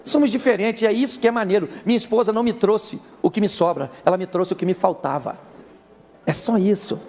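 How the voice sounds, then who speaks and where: A male pastor with a Brazilian Portuguese accent preaching a humorous sermon with jokey, animated storytelling. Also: high-pitched, fairly quick, slight background noise.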